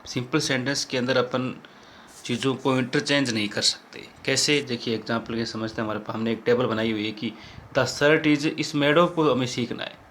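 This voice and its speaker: A male teacher giving a lecture on English teaching methods, explaining in Hindi and reading English example sentences slowly. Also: medium pitch, fairly bright tone, slight background noise.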